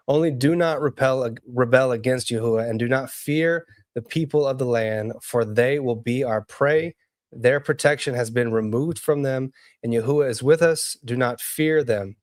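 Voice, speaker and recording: A man reads a scripture passage aloud at a measured, steady pace. His voice sits in an ordinary middle range, and the sound is dry and close with no room echo. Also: mid-range voice. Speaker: co-host reading scripture. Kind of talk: scripture reading.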